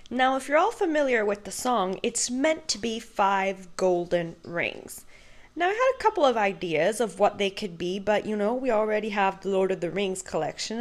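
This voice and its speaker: A young woman, the daughter, hosting a casual cooking vlog from a home kitchen with a bubbly, playful manner. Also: mid-range voice. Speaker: vlogger, daughter.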